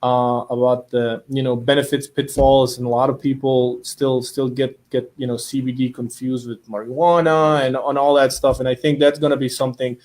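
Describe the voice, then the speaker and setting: A man hosts a relaxed interview, his voice sitting at an average pitch. He talks in loose, friendly sentences, often stumbling and repeating words before he gets them out. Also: normal speed, few pauses. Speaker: host. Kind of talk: casual interview chat.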